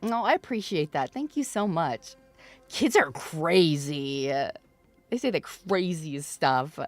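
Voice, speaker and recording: A woman in her thirties hosting a live stream in casual chat. She teases her viewers, laughs often, and breaks into loud mock protests. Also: low-pitched, animated, takes it slowly, dry recording, faint music behind. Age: 30s. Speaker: streamer host.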